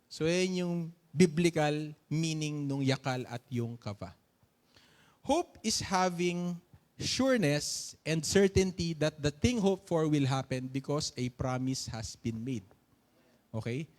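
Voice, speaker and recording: Filipino male pastor, sermon, chatty and joking, keeps asking the congregation "okay?", voice on the high side. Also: lively intonation, unhurried, darkish tone. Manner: conversational, often asking "okay?" and "di ba?"; playful with jokes and laughter.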